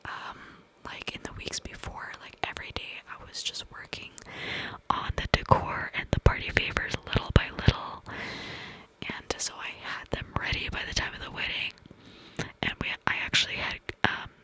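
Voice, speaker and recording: A woman's voice: normal speed, low-quality recording. Woman whispering into cupped hands, ASMR. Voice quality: breathy, unvoiced cupped whisper. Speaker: ASMR video creator.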